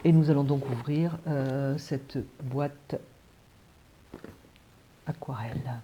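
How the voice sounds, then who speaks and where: A woman's voice: extremely low pitch, fairly even intonation, slow pace, dark tone, a little hiss or hum. A woman hosting a watercolor channel, chatting casually through an unboxing and thinking aloud with frequent hesitations.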